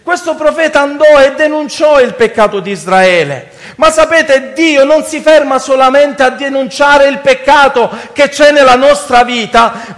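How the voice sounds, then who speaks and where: A male preacher with a very high voice delivers a fervent sermon. His voice rings with a long church-hall reverb. He keeps turning to the congregation and calling them brothers. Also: fairly bright tone. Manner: impassioned preaching, often addressing the brothers.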